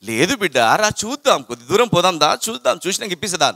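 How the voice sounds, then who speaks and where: A man's voice: high voice, big pitch swings, fast, pushed and bright, slightly rough, dry recording, studio quality, full character voice. A man voicing a busy mother who coaxes her son to keep walking, in a storytelling talk. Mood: coaxing. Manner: coaxing, dismissive.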